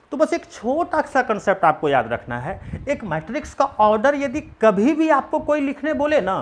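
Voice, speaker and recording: Animated maths teacher drilling students. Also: mid-range voice. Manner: drills key points by repeating them emphatically; asks the class questions and answers them. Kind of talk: exam-prep maths lesson.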